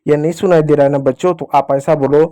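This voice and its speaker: A man's voice: on the high side, steady tone, fast, mellow, clean tone. A man teaching a beginner Hindi reading lesson, patiently repeating key points and talking to his viewers as children while he writes with a pen. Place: teaching at a board or screen with a pen.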